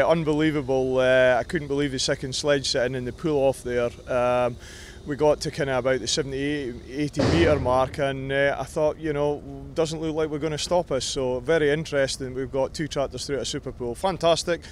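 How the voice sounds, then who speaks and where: A man in his thirties talks informally as a competitor being interviewed. His voice is mid-pitched, caught outdoors on a handheld mic with faint noise around it. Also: fairly even intonation, moderate pace. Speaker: tractor puller being interviewed. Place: outdoors in a pit yard. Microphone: handheld interview microphone.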